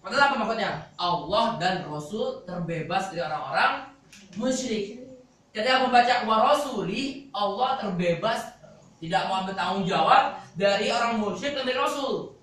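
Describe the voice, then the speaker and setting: A man's voice: high-pitched, lively intonation, moderate pace, fairly bright tone. A male Quran teacher giving a classroom lecture, explaining step by step and asking the class questions. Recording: echoey hall, voice from far off.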